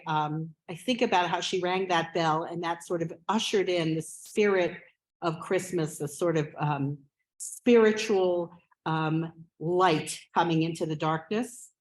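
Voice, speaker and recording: Into a microphone at a gathering, a woman offers memorial remarks as a family member, halting and full of fillers and restarts. Her voice is on the low side, and the audio quality is poor.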